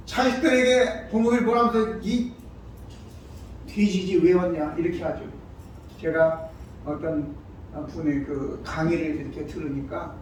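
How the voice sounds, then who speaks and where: High-voiced preaching man in an echoey hall. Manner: emphatic, acts out quoted voices with sudden loud rises. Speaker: pastor. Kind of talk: sermon. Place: church sanctuary. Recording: very echoey hall, mic far off, faint background noise.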